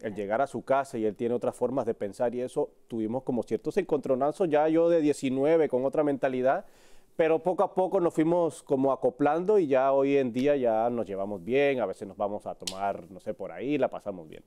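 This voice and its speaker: Here the interview guest is a sports reporter from Cuba who has a Mexican accent. His mid-range voice is brisk and mellow, and he chats casually and frankly in short, choppy phrases.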